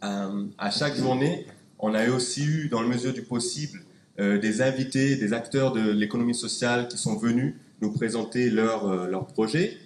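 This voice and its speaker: A man from Canada, speaking at medium pitch and a moderate pace, gives a conference presentation, talking through slides with many fillers and restarts. The hall is echoey, and faint background noise can be heard.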